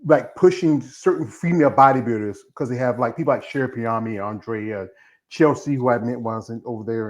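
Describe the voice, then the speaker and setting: A man's voice: medium pitch, darkish tone. Rambling fifty-something male stream host. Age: 50s. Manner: rambling, jumps between tangents. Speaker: host of a bodybuilding live stream. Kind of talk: casual live-stream chat.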